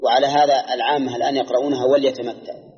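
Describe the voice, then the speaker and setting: Najdi sheikh teaching a class, measured and explanatory, dull old tape with hall echo. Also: male voice, medium pitch, darkish tone. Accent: Najdi Arabic. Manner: measured, explanatory, quizzes listeners. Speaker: Islamic scholar teaching Quran exegesis. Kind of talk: classroom lecture with questions to students. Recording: dull, echoey archival lecture recording.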